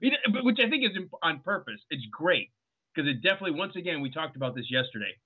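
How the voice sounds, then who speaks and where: Male podcast guest, slightly high voice, animated, tinny phone-like line. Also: fast, breathy edge. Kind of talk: casual film discussion.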